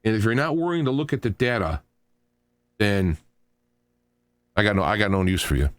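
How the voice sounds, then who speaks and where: An American radio talk host, middle-aged or older, speaks in a lowish voice at normal speed as he delivers an emphatic, argumentative political rant without a script. He's animated throughout, and the audio carries no room sound.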